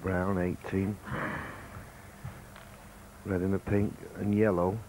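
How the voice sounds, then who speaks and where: A man giving live snooker commentary in a measured, understated way, with pauses between short remarks. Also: deep voice, flat delivery, darkish tone, a little hiss or hum, low-quality recording.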